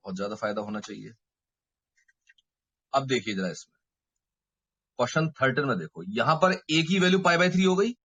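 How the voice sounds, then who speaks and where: A male mathematics teacher working through a lecture step by step, often stopping to ask his students to confirm they follow. His voice is husky and sits at an ordinary middle pitch. The recording is dull and lo-fi, like a classroom mic. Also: fairly bright tone. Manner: explains step by step, checks in with students; mixes Hindi and English terms. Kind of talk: online math lecture. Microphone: microphone.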